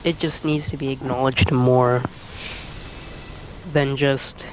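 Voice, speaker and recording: Slow and flat in delivery, this medium-pitched young man streams a game and comments on it in a rambling way, with background noise in the recording. He muses hesitantly and softly, stuffing his speech with "like" and starting sentences over.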